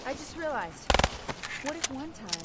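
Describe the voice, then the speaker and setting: A wry game heroine. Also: female voice, sits high, very animated, measured pace, heavy background noise. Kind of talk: video game voice acting. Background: loud game music.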